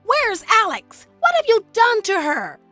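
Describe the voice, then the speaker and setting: A feisty, militant young fairy-tale girl from a cartoonish game. Her voice is very high and bright, swinging with brash, combative exclamations over faint music. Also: huge pitch swings, measured pace, no room sound, exaggerated voice. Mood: alarmed, eager.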